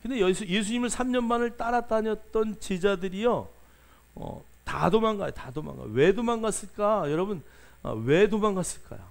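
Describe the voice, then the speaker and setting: A man's voice: high voice, expressive, normal speed, gravelly. A male pastor preaching a sermon, questioning the congregation and coaxing answers, with frequent filler sounds.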